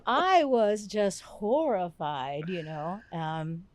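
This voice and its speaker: An older woman, a podcast guest, telling lively stories in casual conversation, acting out quotes and laughing often. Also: on the low side, takes it slowly, no echo. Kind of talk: casual interview storytelling.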